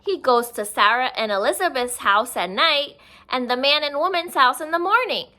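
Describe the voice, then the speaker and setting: With a high, expressive voice and a sharp tone, a woman reads a picture book to small children at a moderate pace. She tells it with feeling and adds simple asides to explain.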